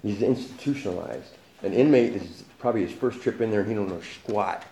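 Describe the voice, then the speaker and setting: A man's voice: lowish voice, fairly quick, mellow. A man in his forties telling his life story in a casual, slangy way, often laughing as he talks. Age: 40s. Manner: street slang, laughs often while talking. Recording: echoey room with noise behind.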